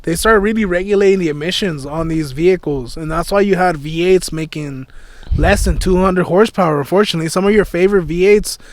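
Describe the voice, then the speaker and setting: A man's voice: high-pitched, quick pace. A young man hosting a podcast in casual chat, laid-back and slangy, dropping "bro" and "man" often. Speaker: podcast host.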